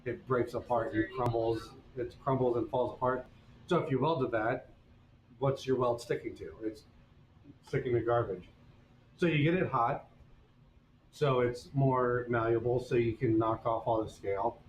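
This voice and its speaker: A man's voice: medium pitch, steady tone, measured pace, roomy sound, a little hiss or hum, rough recording. A man teaching blacksmithing on a live stream, explaining each step in a folksy, casual way. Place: forge workshop.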